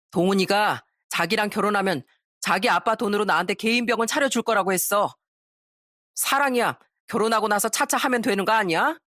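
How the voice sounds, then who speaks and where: A woman's voice: medium pitch, fairly bright tone, no room sound, studio quality, lightly acted. A woman voicing a smug, greedy young male doctor who sneers and boasts.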